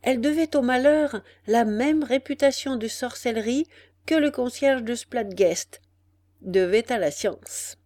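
Slow measured female storyteller. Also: a little high, a little mellow, no room sound. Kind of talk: scripted narration of a tale.

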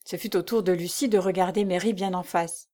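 A woman narrating a classic novel in a steady, composed storytelling voice. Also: lowish voice, brisk. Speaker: audiobook narrator.

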